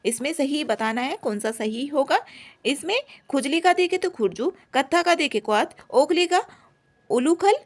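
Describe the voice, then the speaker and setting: A young woman teacher briskly going through exam answers one by one, repeating each point as she explains. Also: high voice, lively intonation.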